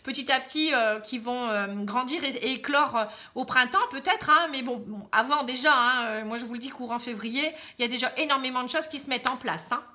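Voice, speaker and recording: A woman's voice: high-pitched, fairly quick, few pauses, pushed and bright. A woman with a northern French accent from the Pas-de-Calais, giving a chatty, reassuring tarot reading and tagging her phrases with "hein". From Pas-de-Calais, northern France. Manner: chatty, tags nearly every phrase with "hein"; reassuring and encouraging. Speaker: tarot card reader. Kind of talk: casual tarot reading to camera.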